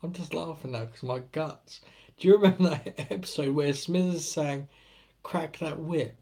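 A man's voice: fairly high pitch, moderate pace, dark tone. A British man hosting a live stream in a casual, joking way, often laughing as he chats. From United Kingdom. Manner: jokey and joshing, laughing often. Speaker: host.

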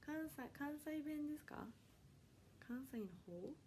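Here the twenty-year-old Kanagawa livestreamer speaks slowly and expressively in a high voice with a dark tone, and there's slight background noise. She's doing a casual solo chat from her home for an idol audition stream. She reads viewers' comments aloud politely and apologizes frequently.

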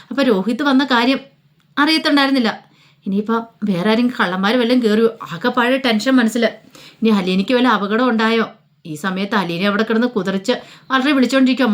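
A woman narrating a dramatic story in a casual, colloquial way. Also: fairly high pitch. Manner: rapid, casual retelling.

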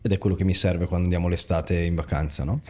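Low-voiced Italian host, relaxed. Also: male voice, fast. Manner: relaxed, asks questions, frequent agreeing backchannels. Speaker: podcast host. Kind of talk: casual podcast conversation.

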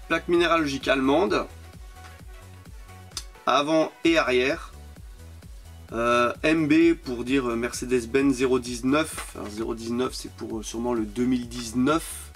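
A man's voice: mid-range voice, unhurried, pauses often, fairly bright tone, soft background music. Enthusiastic French collector man. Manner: enthusiastic, repeats words for emphasis. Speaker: toy car collector vlogger. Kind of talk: casual unboxing commentary.

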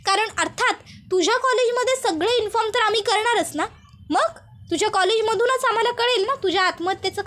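A woman voicing a young sister-in-law who scolds and reassures firmly, in a very high voice. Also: a bit bright.

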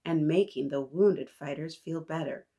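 This storytime host, a woman in her thirties, has a low, mellow voice with a breathy edge and takes her time speaking; the recording sounds muffled. She reads to children expressively and chats with them as if they're responding.

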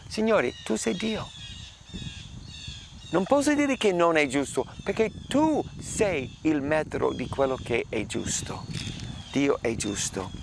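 A man preaching a Bible sermon in an earnest, emphatic way. His voice sits fairly high and carries a gravelly rasp. Faint outdoor sounds and insects hum behind him. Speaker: pastor.

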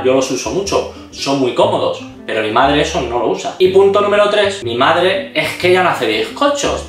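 A man's voice: medium pitch, a bit bright. A man, hosting a cooking channel and telling an exaggerated story in casual chat. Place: home kitchen. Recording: echoey room, mic at a distance, background music.

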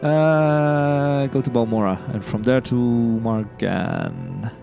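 A man's voice: mid-range voice, slow pace, gravelly, over music. A man hosting a video game let's play, chatting casually and rambling, tripping over his words in a giddy, upbeat mood. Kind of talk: casual gameplay commentary.

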